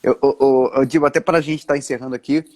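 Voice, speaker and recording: A man's voice: mid-range voice, fairly even intonation, quick pace, a little mellow. A man, a pastor talking earnestly in a casual live chat, often restarting his words. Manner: earnest, many restarts and stammers.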